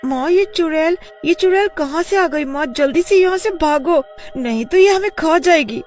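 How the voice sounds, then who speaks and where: A man's voice: normal speed, soft background music. A man voicing a panicky young woman in a cartoon story. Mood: terrified. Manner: shrill, panicked. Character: young sister-in-law, panicky girl.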